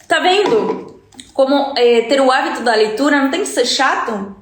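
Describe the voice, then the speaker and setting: A Uruguayan-accented woman with a high voice teaches Spanish in a chatty live-stream lesson. She keeps checking in with her listeners as she goes. Her voice bounces around a roomy, echoing space. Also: expressive, moderate pace.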